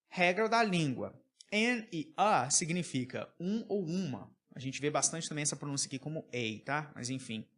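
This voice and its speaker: A man with a Brazilian accent, speaking in a slightly higher register, works through song lyrics as an English teacher. He explains patiently and keeps checking in with short questions. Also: a bit bright. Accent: Brazilian Portuguese.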